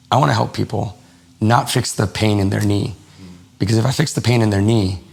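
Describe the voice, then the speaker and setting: A man from the United States speaks as a podcast guest, with a low, gravelly voice full of vocal fry. He tells personal stories in a relaxed, conversational way and slips into the voices of people in his anecdotes. The delivery is animated and unscripted. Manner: animated, acts out quoted dialogue. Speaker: podcast guest, lifestyle coach. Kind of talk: casual interview storytelling.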